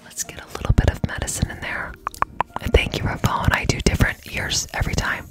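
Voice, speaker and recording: A woman doing a whispered ASMR ear cleaning role-play in a soft, breathy voice, chatting affectionately and informally with viewers and repeating little phrases. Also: a little fast. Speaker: ASMR live streamer and host.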